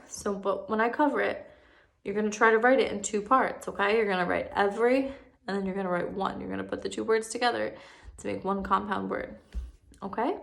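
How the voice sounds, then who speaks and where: A young woman teaching first graders in a recorded lesson, slow, patient and encouraging, drawing words out syllable by syllable. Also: mid-range voice, vocal fry, a bit bright. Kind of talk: remote classroom lesson.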